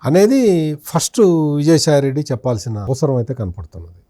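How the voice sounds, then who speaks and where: A man's voice: medium pitch, very animated, brisk, dark tone, no echo, clean studio sound. A man, a senior journalist, giving accusing political commentary in an interview, firing rhetorical questions at an absent politician.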